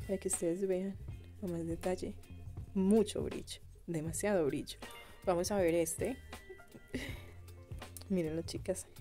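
A young woman with a Colombian accent talks through a beauty unboxing in a chatty, gushing voice of middling pitch. She exclaims often and addresses her viewers directly. Faint music plays behind her. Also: mellow. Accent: Colombian Spanish. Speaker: beauty vlogger.

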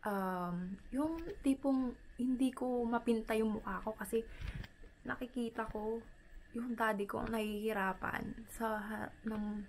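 A woman from the Philippines, a vlogger, retelling a painful personal story in a halting, emotional way with many pauses and fillers. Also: on the high side, steady tone, slight background noise, poor audio.

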